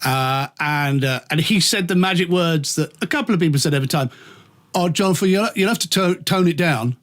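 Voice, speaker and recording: On the high side, fairly quick and fairly bright, this middle-aged or older British man tells stories in a camp, theatrical manner. A radio presenter here as an interview guest, he acts out the dialogue in his lively anecdotal chat.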